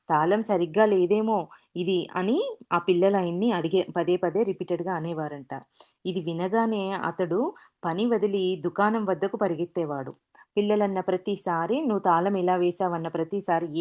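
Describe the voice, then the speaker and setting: A woman's voice: fairly low pitch, a little mellow. A woman casually retelling anecdotes as a storyteller, with frequent restarts and fillers.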